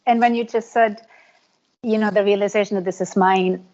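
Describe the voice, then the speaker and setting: A woman's voice: mid-range voice, fairly even intonation, normal speed, highs cut off. Reflective woman telling a personal story. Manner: reflective, laughs softly while telling. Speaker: host.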